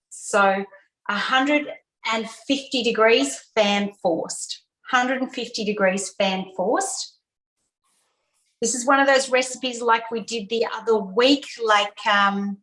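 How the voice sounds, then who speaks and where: Over a video call, a woman hosts an online cooking lesson for kids, chatting away and repeating the key steps with plenty of fillers. Her voice is a little high and somewhat bright, and the recording is rough.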